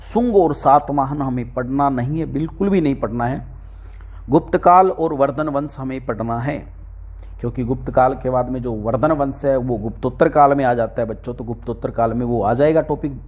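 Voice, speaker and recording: Medium-pitched and darkish in tone, a middle-aged man teaching exam prep moves at a moderate pace through a textbook index one chapter at a time. Addressing students as his dear children, he repeats each point to drive it home.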